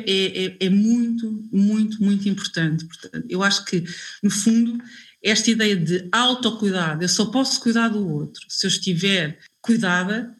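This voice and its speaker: A woman from Angola, speaking on a discussion panel, hesitant and searching for her words with many fillers. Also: mid-range voice.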